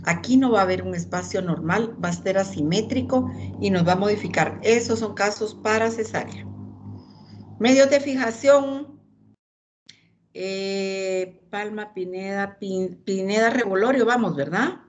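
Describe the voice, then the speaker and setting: A woman's voice: medium pitch, unhurried, a little hiss or hum. A woman lecturing anatomy, pointing out images and calling on students by name.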